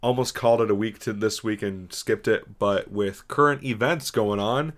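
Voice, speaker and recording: A man's voice: on the low side, moderate pace. Rambling casual male podcast host. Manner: loose, rambling, swears casually.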